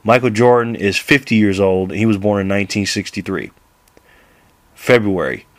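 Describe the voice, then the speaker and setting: A basketball vlogger in his late thirties chats casually to camera at a moderate pace, rambling, restarting sentences, and laughing often. His voice sits low, and the sound is dry and close with no room echo.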